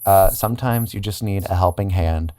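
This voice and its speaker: A man's voice: sits low, moderate pace, a little mellow. A man hosting a comedy podcast, improvising chat and mock interviews with a mock-sincere, hesitant delivery.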